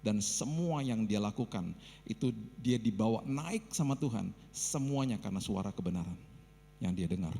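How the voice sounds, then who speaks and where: A man preaching a sermon as pastor, telling stories in a lively way and acting out the people he quotes. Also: lowish voice, moderate pace, creaky. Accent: Indonesian. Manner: lively storytelling with acted quotes. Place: church hall. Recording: long church hall reverb.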